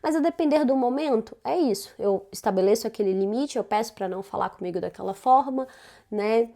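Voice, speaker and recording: A woman's voice: a little high, fairly quick, dark tone. A woman with a Brazilian Portuguese accent giving casual self-development advice, talking conversationally and often tagging her sentences with questions. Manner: conversational, frequent tag questions.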